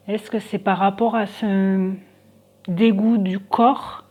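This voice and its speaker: A woman's voice: mid-range voice, fairly even intonation, slow pace, a little mellow, slight background noise. A woman doing a casual tarot card reading for viewers, thinking aloud with many hesitations.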